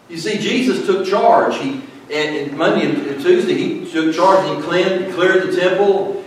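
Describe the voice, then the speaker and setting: Slow-preaching pastor in an echoing church. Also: male voice, sits high. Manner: slow, emphatic preaching with asides. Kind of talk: sermon with scripture reading. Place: church sanctuary. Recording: echoey hall, mic at a distance.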